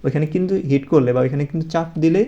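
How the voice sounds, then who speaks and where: Brief: man, children's tutor, quick delivery, slightly high voice, patient, keeps checking with "okay?". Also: mellow, dull audio. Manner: repeats numbers patiently, checks understanding with "okay?". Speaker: English tutor for young pupils. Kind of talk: casual spoken lesson.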